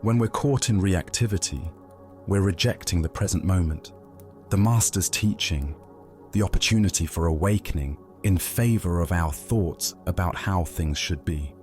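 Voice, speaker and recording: A man with a very low, deep voice narrates a soothing story for sleep. His delivery is soft, measured and reflective, and gentle music plays faintly in the background.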